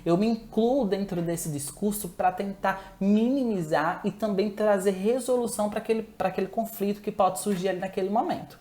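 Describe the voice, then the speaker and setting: Speaking at a normal pace with few pauses, this woman has a medium-pitched voice and a dark tone. Her live stream on relationships is chatty, full of questions to viewers and mid-sentence self-corrections.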